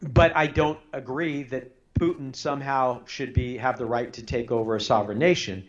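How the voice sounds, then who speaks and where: A middle-aged retired army intelligence officer appears as a radio guest, offering earnest political commentary. His mid-range voice is steady and moderately paced on a muffled recording, and he speaks in a stop-start way, restarting sentences and repeating words as he thinks.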